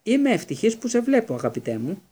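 A man's voice: mid-range voice, very animated, gravelly, mellow, husky, exaggerated voice. Fred, a man doing a teasing teenage twin. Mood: mock-formal. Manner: mock-ceremonious, teasing. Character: mischievous teenage twin prankster.

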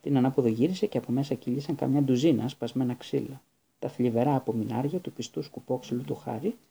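A man narrating an audiobook in a calm, measured way. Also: medium pitch, creaky, breathy edge. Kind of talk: scripted narration.

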